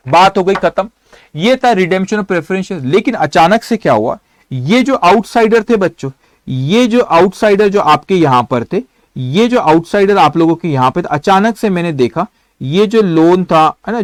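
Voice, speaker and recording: A man's voice: high voice, no room sound. A man lecturing on accounting for students, explaining through repetition and little stories while he addresses them directly. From India. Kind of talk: classroom lecture.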